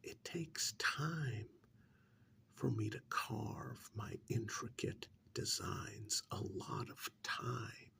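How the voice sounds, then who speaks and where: In a soft-spoken ASMR role-play, a man plays a cold, sadistic serial killer, speaking slowly and menacingly in a breathy, gravelly whisper with deliberate pauses. His lowish voice is expressive and exaggerated, and the mood is clinical and sinister.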